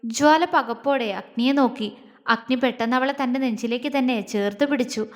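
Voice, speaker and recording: A woman storyteller reading a serialized love story with steady, measured narration. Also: on the high side. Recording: long reverb.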